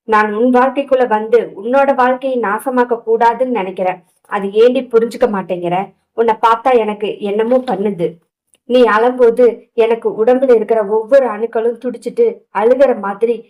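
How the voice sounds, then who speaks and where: A woman reading an audio novel, voicing a brusque but caring young husband in a gruff, scolding manner. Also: fairly high pitch, dull audio, lightly acted.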